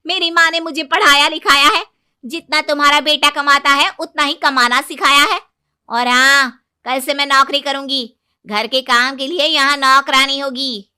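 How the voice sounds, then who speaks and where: A woman voicing a sharp-tongued, defiant young daughter-in-law in a storybook cartoon. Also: high-pitched, expressive, unhurried, voice pushed up, full character voice. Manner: bold, cheeky, talks back loudly.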